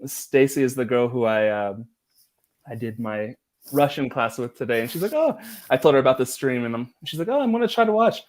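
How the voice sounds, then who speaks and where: A man hosting a language-learning livestream, chatting in a relaxed, rambling way and laughing easily. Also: medium pitch, normal speed. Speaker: livestream host. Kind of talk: casual livestream chat.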